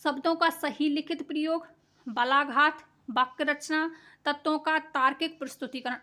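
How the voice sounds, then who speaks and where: A woman's voice: high voice, a bit bright. A woman teaching an online exam-prep lesson, explaining step by step and asking and answering her own quiz questions.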